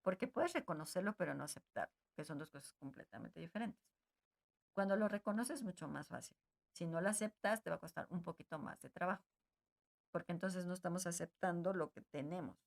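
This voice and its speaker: Woman, low gravelly voice, gentle and repetitive, speaks straight to her audience. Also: lively intonation, brisk. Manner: gentle, repetitive, addresses listeners directly. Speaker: emotional wellness speaker. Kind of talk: advice talk to an audience.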